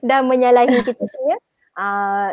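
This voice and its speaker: A woman with a Malaysian Malay accent teaching Arabic pronunciation in a live online lesson, chatty, drawing example words out slowly. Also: fairly high pitch, fairly even intonation, a little mellow, clear, resonant tone, dry recording.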